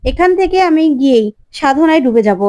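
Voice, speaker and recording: A woman's voice: high voice, lively intonation, brisk, a little mellow. A woman voicing a weary man who longs to escape into spiritual practice in a retold serial. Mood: weary dismissive. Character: dreamy man bent on spiritual retreat.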